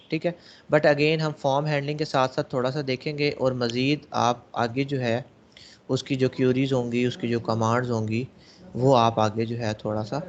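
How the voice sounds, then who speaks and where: A man teaching a class at a middle pitch, working through each step and putting questions to his students before he answers them himself. The recording sounds dull and lo-fi. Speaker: programming teacher. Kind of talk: classroom lecture.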